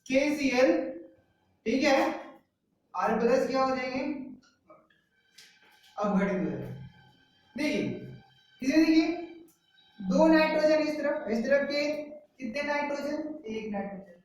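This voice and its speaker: A woman's voice: sits high, expressive, unhurried, pauses often, a little mellow. A woman with a Bihari Hindi accent teaching a chemistry class, repeatedly checking with her students. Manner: repetitive, checks with students often. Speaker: chemistry tutor. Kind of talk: classroom lecture. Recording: very echoey classroom, voice from far off, faint music.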